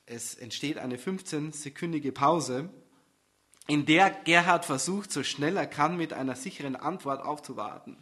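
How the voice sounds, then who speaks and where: A man's voice: fairly high pitch, measured pace, pushed and bright. A man narrating a comic story in a dry, wry manner.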